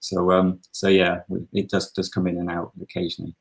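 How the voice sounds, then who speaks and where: A man from Newcastle upon Tyne with a faint Geordie accent, a local councillor talking over a video call, halting with many fillers and restarts. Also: sits low, monotone, poor audio. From Newcastle upon Tyne, England.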